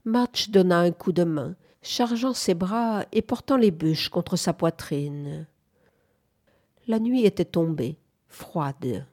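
A woman narrating a classic novel in an audiobook, with a low voice and a dark, mellow tone. Her delivery is measured and even. Sentences unfold with calm literary care.

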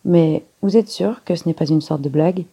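A woman voicing an alarmed woman of the house, out of breath and firing off rushed questions. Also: deep voice, vocal fry, mellow, husky, heavily acted.

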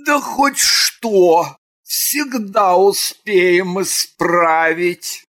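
A woman voicing a male court mage in an audiobook, with a rattling, creaky voice and stern, loud, drawn-out commands. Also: lowish voice, lively intonation, full character voice. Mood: insistent. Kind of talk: audiobook character voice.

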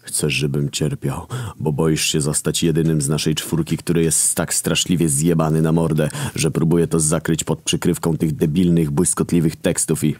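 A man's voice: rumbling low, little pitch movement, moderate pace, a little mellow, dry recording. A man voicing a brooding, vengeful Death. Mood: hissing. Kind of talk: scripted storytelling.

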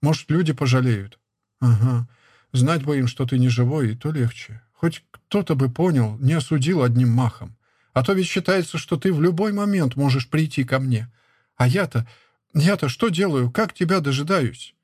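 A man's voice: mid-range voice, normal speed, a little mellow, slightly rough, no echo, clean studio sound, close to an everyday voice. A man reading a young village wife who pleads and frets in a raised, plaintive voice. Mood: pleading. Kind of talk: audiobook character reading.

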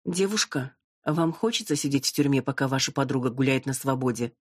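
A woman reader voicing a dry, sharp-tongued policewoman who is secretly a witch, speaking calmly and curtly. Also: a bass voice, fairly quick, no echo. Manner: calm, curt and ironic.

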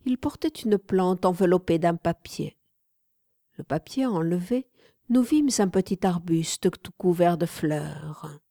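A woman narrating a literary memoir audiobook in a measured, even storytelling manner. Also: fairly low pitch, creaky, no echo, studio quality. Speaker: audiobook reader.

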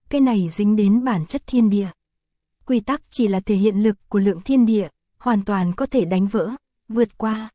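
A woman reading a fantasy novel aloud as an audiobook narrator, in a steady, even storytelling style. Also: mid-range voice, no echo, studio quality. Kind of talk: scripted narration.

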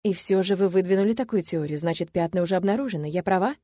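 A woman's voice: fairly low pitch, fast, warm tone, dry recording, studio quality, natural voice. A woman voicing a curious, stubborn young woman student in an audiobook, her voice lifting on questions. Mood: curious, indignant.

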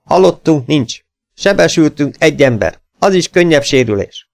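An eager soldier snaps out a formal report to his superior, voiced by a male reader. The pitch rides high above the reader's usual voice, and the sound is dry and close. It is an audiobook dialogue part. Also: expressive, gravelly, darkish tone, no echo. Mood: dutiful.

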